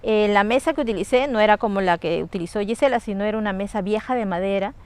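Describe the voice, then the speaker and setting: A woman with a Peruvian Spanish accent calmly recounting a childhood paranormal memory, explaining steps with small slips. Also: medium pitch, quick pace, smooth. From Peru. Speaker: storyteller sharing a personal experience. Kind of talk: casual spoken anecdote.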